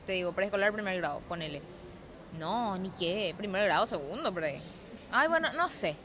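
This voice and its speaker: A young woman in her twenties with a Paraguayan Spanish accent, chatting casually on a podcast with quick, joking asides. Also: medium pitch, lively intonation, fairly bright tone. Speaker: podcast co-host. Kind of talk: casual chat.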